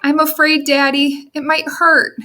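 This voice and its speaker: A woman reading a storybook, putting on the high, pleading voice of a little girl. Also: little pitch movement, measured pace, sharp tone. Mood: scared. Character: little girl, eager and brave.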